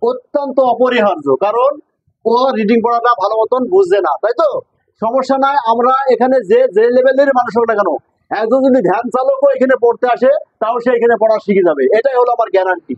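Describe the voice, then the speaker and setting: A man's voice: very high voice, dry recording, dull audio. A man teaching a classroom English lesson, mixing English and Bengali and drilling students with call-and-response questions.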